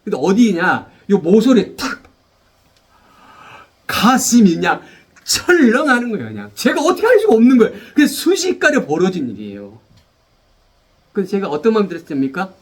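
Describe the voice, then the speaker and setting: A man preaching a sermon as pastor, animated, repeating phrases and leading the congregation in call-and-response. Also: sits high, normal speed, long pauses.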